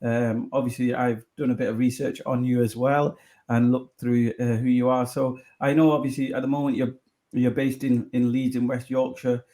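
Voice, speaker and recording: Man, podcast host, mid-range voice, halting questions, repeated words. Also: medium pitch, level tone, dark tone. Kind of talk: interview questions.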